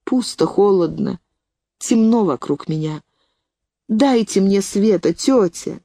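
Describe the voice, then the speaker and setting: Woman doing a young heroine in despair, pleading, higher and strained, slow delivery. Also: expressive, creaky, warm tone, no room sound, clean studio sound, exaggerated voice. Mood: desperate pleading.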